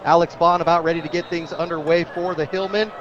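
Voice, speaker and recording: An American play-by-play announcer calls a football game live on radio from a stadium booth, with outdoor stadium crowd noise behind him. His voice is a little high and fairly even in intonation, he talks fast, and the highs are cut off.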